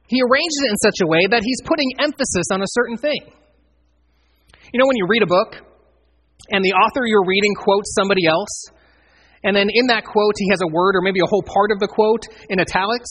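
A man's voice: high-pitched, fairly bright tone, breathy edge. A man preaching an expository sermon, earnestly explaining and quoting scripture verse by verse. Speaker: pastor.

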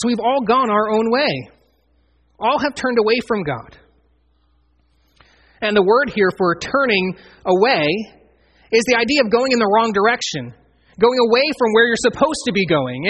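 A man's voice: very high voice, a bit bright, breathy edge. A man preaching an expository sermon, earnestly explaining and quoting scripture verse by verse. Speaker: pastor.

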